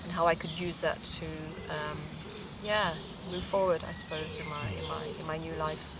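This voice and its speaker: A middle-aged woman from the UK answers a documentary interviewer outdoors in a city park or street, her low voice keeping a steady tone. She is thoughtful and hesitant, pausing often and restarting as she searches for words. The distant mic picks up city ambience, birds and passing traffic.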